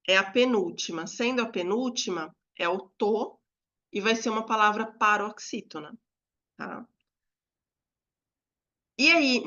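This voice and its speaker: A woman teaches a lesson to fellow educators, walking through each step patiently and stretching certain words out slowly to show them. Her voice sits at a middle pitch, and the recording sounds a little dull and lo-fi. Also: fairly bright tone. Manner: explains step by step, drawing out words.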